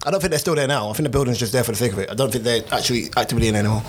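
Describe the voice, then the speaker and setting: A man's voice: medium pitch, very fast, background noise. A man with an urban London roadman accent, bantering casually in blunt, teasing slang. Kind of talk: casual banter among friends.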